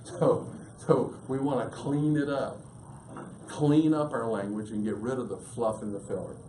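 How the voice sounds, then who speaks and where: A man giving a fast, emphatic business seminar presentation to a live audience in a meeting room. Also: mid-range voice, fairly even intonation, mellow. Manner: emphatic, rapid, listing points. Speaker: business speaker. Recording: roomy room, faint background hum.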